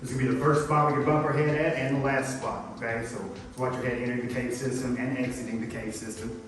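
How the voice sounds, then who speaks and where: A man's voice: medium pitch, level tone, fast. A man working as a tour guide, giving a folksy, instructional safety briefing to a group, often checking in with "okay?". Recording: very echoey, distant voice under music.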